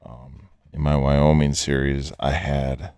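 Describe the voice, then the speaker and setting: A man's voice: extremely low pitch, slow, dry recording. A middle-aged man who is losing his voice, casually talking through a football video game with many fillers. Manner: relaxed, rambling, with many fillers. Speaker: gaming channel host. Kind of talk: casual gameplay commentary.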